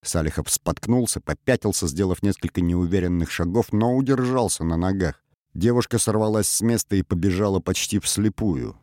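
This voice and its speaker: A man reading a first-person story aloud in a steady, even storytelling manner. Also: sits low, no room sound, studio quality. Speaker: audiobook narrator. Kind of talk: first-person scripted narration.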